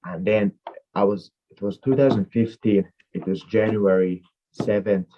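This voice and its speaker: Young man, low voice, lo-fi call. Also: steady tone, measured pace, slight background noise. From Finland. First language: Finnish. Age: 20s. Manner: rambling, filler-heavy with many "like"s. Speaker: MMA fighter guest. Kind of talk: casual interview answers.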